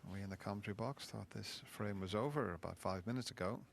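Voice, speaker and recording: A man giving informal shot-by-shot snooker commentary, thinking aloud in a measured, conversational way. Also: fairly low pitch, vocal fry. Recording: crowd and room noise behind. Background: snooker hall audience ambience.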